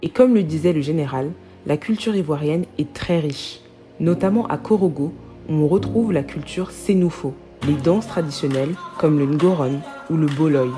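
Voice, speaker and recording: Woman host, low voice, calm scripted voice-over, clear music underneath. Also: moderate pace. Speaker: vlog host and narrator.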